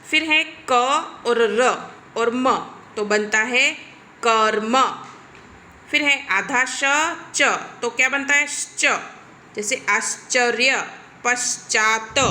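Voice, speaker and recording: A woman teacher with a bright, clear, slightly high voice gives a recorded lesson. She explains each point step by step and keeps checking in with her students. The sound is echoey, as if taped in a bare room. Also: slow pace, slight background noise. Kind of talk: recorded Hindi grammar lesson.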